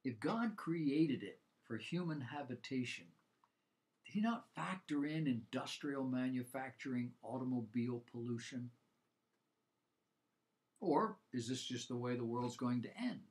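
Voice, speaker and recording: A man's voice: mid-range voice, lively intonation, unhurried, a little mellow. A man presenting a scripted Bible program, mixing commentary with rhetorical questions and an emphatic delivery.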